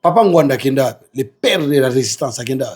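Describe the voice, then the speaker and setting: A man, a guest in an interview, talking with passion and rising to shouts when worked up. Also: medium pitch, animated, brisk. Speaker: guest, self-described resistance fighter and activist artist. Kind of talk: impassioned interview talk mixing two languages.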